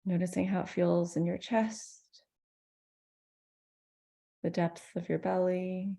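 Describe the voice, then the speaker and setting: Taking it slowly and keeping her delivery flat, a meditation teacher leads a guided session. Her voice is slightly low, mellow, and soft-edged with a good deal of creak, and she soothes with pauses between phrases.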